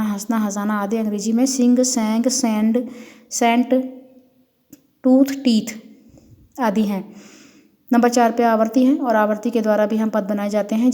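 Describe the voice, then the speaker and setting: A woman's voice: fairly high pitch, dark tone. A woman professor giving an academic lecture, working methodically through numbered points and examples. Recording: long hall reverb.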